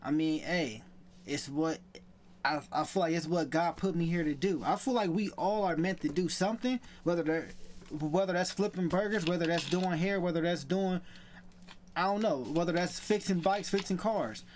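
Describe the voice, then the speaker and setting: Man, guest, casual talk, occasional stutter, high voice, faint hiss. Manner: stutters now and then, halting restarts. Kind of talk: casual conversation.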